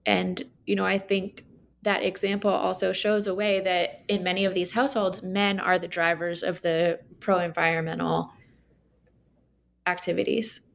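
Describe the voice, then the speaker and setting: A woman author answering interview questions about her research, explaining in a measured way with occasional ums. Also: on the low side, level tone, creaky, a little hiss or hum.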